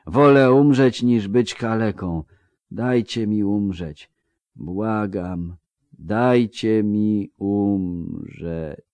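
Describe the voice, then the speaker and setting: Narrator putting on a panicked, begging young soldier, strained and much higher than his own voice. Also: slow, few pauses, a little mellow, no echo. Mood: desperate. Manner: desperate, pleading. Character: terrified wounded young soldier, male.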